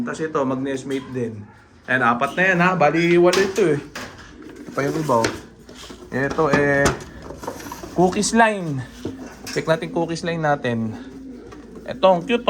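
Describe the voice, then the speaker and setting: A man casually walking viewers through his pigeon loft as a breeder, pointing out birds with quick asides. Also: a little high. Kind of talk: casual vlog walkthrough. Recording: noisy loft with pigeons cooing.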